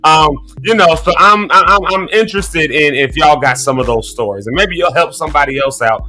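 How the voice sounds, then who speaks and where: This morning livestream host, a man in his thirties, has a fairly high, brisk, sharp-sounding voice. He chats directly with viewers in a homespun, sermonizing style, holding back a cough. Music plays faintly underneath.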